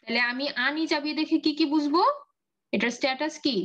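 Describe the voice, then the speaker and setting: A woman's voice: high voice, fairly quick, fairly bright tone, lo-fi sound, a little hiss or hum. A woman teaching an online Arabic grammar class, patiently drilling word endings and asking her students questions.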